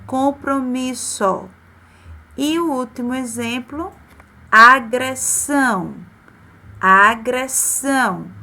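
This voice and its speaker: A woman with a Brazilian Portuguese accent teaching a primary class, stretching out and repeating words slowly for children. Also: on the high side. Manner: slow, drawn-out spelling of words, repeating them for children. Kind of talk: recorded remote class lesson.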